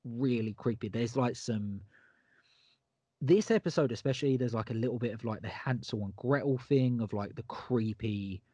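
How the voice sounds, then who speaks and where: A man's voice: medium pitch, normal speed, mellow, dry recording. A man co-hosting a horror podcast in casual chat, enthusiastic and emphatic, often repeating himself. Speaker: podcast co-host.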